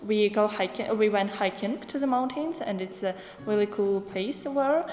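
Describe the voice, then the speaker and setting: Young woman with halting English, echoey hall. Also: mid-range voice, darkish tone. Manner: halting, many fillers. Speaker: project participant. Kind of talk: interview answers in non-native English.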